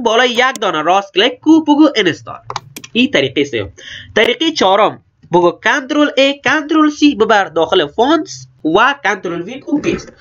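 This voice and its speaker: Speaking with an Afghan Dari accent, a computer instructor walks through a tutorial step by step, plainly explaining each click and repeating steps. His voice sits high and is a bit bright. The lo-fi recording is slightly dull, with a little hiss or hum.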